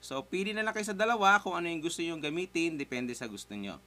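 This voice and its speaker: A man's voice: on the high side, fast talker, pushed and bright. A man giving a casual guitar lesson, chatty and encouraging, calling out chords and counting strums aloud. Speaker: guitar teacher. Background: his own guitar playing.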